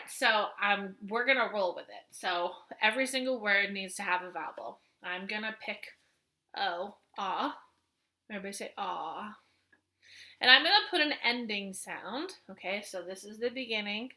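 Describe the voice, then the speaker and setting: A woman teaches young children to sound out words, drawing each letter sound out slowly and patiently. Her voice is bright and ringing, and she talks at an unhurried pace, checking in often with her class. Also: medium pitch. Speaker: kindergarten teacher.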